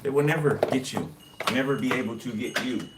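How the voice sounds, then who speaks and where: A man's voice: mid-range voice, brisk. Rambling man reading tarot from afar. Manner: rambling, filler-heavy, repeats "okay" and "you know". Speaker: tarot card reader. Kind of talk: casual tarot reading monologue. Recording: distant mic with background noise. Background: birds chirping.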